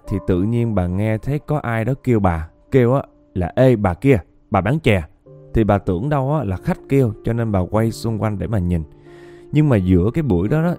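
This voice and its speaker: Low, mellow man. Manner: chatty, keeps addressing listeners. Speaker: storyteller. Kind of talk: narrating ghost stories.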